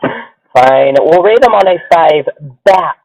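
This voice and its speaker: A man's voice: fairly high pitch, expressive, slow, gravelly, a little mellow, no echo. A man hosting a podcast in a casual, chatty style. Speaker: podcast host. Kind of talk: casual chat. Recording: dull lo-fi makeshift recording.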